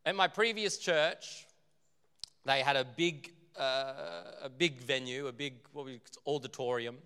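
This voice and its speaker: A man's voice: mid-range voice, unhurried, bright, forceful tone, clean tone. A male pastor giving a humorous sermon, telling jokey, self-deprecating stories. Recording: long hall reverb, faint music.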